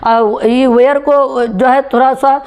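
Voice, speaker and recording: A woman teacher runs a classroom lesson in a fairly high voice. She drills words over and over, asks her students to repeat after her, and reassures them with a steady "okay". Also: takes it slowly, clear, resonant tone. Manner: reassuring, keeps saying "okay". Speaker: spoken English teacher.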